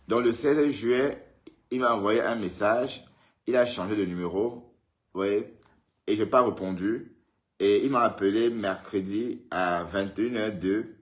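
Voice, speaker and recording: A man's voice: fairly low pitch, fairly bright tone. Chatty man, teasing live viewers. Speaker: livestream host. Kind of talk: casual live stream chat, answering viewers' comments. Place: indoors, at home in Europe.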